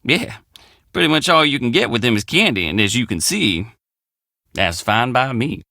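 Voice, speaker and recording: For a video game, an actor plays a young country handyman with an American drawl who's friendly, easygoing and matter-of-fact, using folksy, plainspoken phrasing. He speaks at a moderate pace in an expressive, medium-pitched voice with a bright, forceful tone, recorded clean in a studio with no echo.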